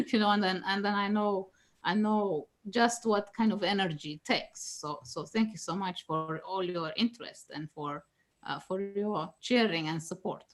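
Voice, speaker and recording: A woman with a mid-range voice, Danish by first language, appears as a guest tarot reader. Her talk is casual and instructive, full of laughter, fillers and restarted phrases.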